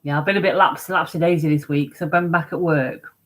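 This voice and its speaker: A woman's voice: sits low, steady tone, fairly quick, poor audio. A woman hosting a casual morning livestream chat from home, rambling about her week and answering comments from her viewers. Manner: chatty, rambling, reads chat comments aloud. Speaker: livestream host.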